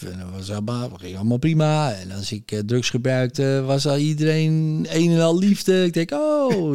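A man in his forties tells candidly of his past addiction, halting and full of fillers. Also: medium pitch, darkish tone, no room sound, clean studio sound. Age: 40s. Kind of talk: personal story about recovering from addiction.

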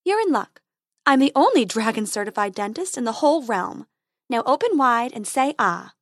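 A woman voicing a cheerful female tooth fairy dentist who talks in a brisk, chirpy way. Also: fairly high pitch, sing-song, dry recording, studio quality. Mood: bossy.

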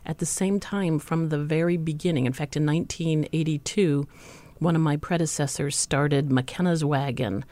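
A nonprofit leader answering interview questions in a steady, speech-like way with rhythmic lists. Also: medium pitch, moderate pace, no room sound.

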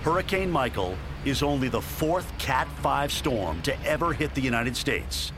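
A man's voice: medium pitch, sing-song, moderate pace, background noise. A man giving dramatic scripted narration as the narrator of a documentary. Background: music.

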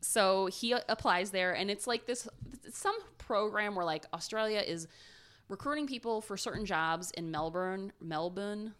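A woman's voice: mid-range voice, normal speed, a bit bright, clean tone. A young woman co-hosting a casual podcast, telling a story in a rambling, giggly way with chatty asides.

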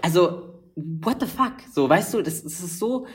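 A man's voice: high voice, a little slow. A young man talking openly and emphatically as a podcast guest, swearing now and then. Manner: emphatic, expressive, swears casually. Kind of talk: candid podcast conversation.

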